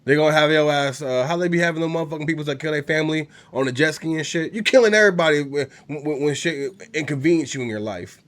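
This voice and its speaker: A man's voice: a little high, fast talker, few pauses, a bit bright. A young man with a cold and a congested voice, ranting casually about gaming in a profane, rambling, heated way. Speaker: gaming channel host. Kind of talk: casual rant to camera.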